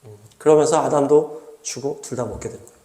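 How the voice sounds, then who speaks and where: A man's voice: medium pitch, fast talker, warm tone, reverberant. A man preaching a Sunday sermon as a pastor, emphatic and repetitive, acting out quoted dialogue in shifting voices. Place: church worship hall.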